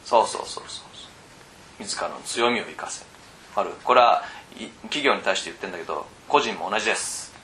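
A man coaching cram school teachers in a casual lecture, teasing them bluntly and often pausing to ask whether they follow. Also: on the low side, lively intonation, bright, forceful tone, slight background noise. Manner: keeps checking in with rhetorical asides.

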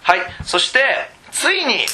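Man, cram school trainer, lively up-and-down delivery, bright voice, blunt teasing, keeps asking if they follow. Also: extremely high pitch, a little slow, a little hiss or hum. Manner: keeps checking in with rhetorical asides. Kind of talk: casual training lecture.

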